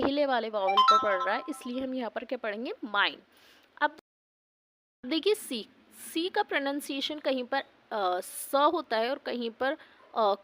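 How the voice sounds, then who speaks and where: A woman's voice: high voice, fairly bright tone. A woman teaching English pronunciation, spelling words out letter by letter and asking questions she answers herself. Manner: asks the class questions and answers them herself; spells words letter by letter and repeats them slowly. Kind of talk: pronunciation lesson.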